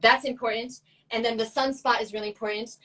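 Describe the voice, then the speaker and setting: A woman's voice: fairly high pitch, fairly even intonation, brisk, a bit bright, distant mic, poor audio. A woman co-hosting a casual chat, talking in a chatty, playful way with laughing asides. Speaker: co-host.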